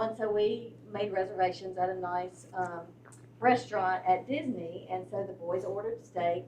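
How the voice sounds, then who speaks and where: A woman's voice: mid-range voice, a little mellow, slight background noise. A woman in her fifties telling a personal story in a hesitant way, with many fillers. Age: 50s. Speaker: class member sharing a story. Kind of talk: casual storytelling. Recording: echoey room, far from mic.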